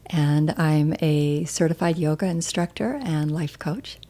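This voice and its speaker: A woman in her sixties, a yoga instructor and life coach, giving a slow, reflective and candid interview in a yoga studio. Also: sits low. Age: 60s. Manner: slow, thoughtful, warmly candid.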